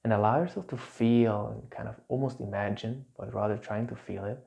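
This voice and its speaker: Low, mellow man leading a calm grounding exercise. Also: creaky. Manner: soothing, repetitive, gentle instructions with pauses. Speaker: instructor leading a guided relaxation exercise.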